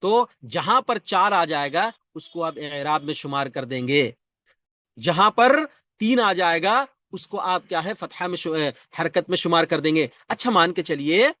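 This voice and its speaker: A man with a fairly high voice lectures on grammar, explaining step by step. He repeats each term and keeps checking that his students follow. The sound is dry and close, with no room echo. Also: pushed and bright. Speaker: Arabic grammar teacher. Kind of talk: classroom lecture.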